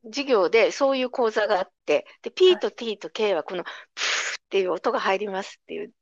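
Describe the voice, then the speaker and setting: A middle-aged woman who teaches language, patiently explaining pronunciation in a relaxed conversation. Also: mid-range voice, a little fast, no echo. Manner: patient, explanatory, lively intonation. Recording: dry, dull lo-fi sound.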